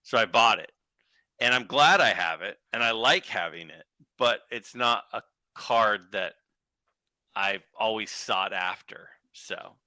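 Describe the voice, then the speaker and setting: A man tells long, rambling stories as a podcast guest, doubling back on himself with quick asides. His voice is strikingly bright and forceful. The sound is dry and close. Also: lowish voice, expressive, no room sound. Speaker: guest collector. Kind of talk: casual podcast chat.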